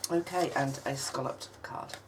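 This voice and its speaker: A craft channel host, a woman with a very deep, husky voice made croaky by a lingering cold, rambles haltingly through a casual crafting tutorial. She says "um" a lot and coughs now and then. The mic sits a bit distant, with a faint hiss of noise beneath her.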